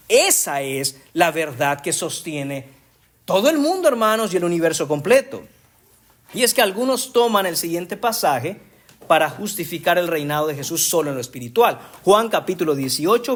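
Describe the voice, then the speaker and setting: A man preaching a sermon as a pastor, speaking emphatically and often addressing the congregation as brothers. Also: on the high side. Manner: emphatic, rising to strong stresses on key words.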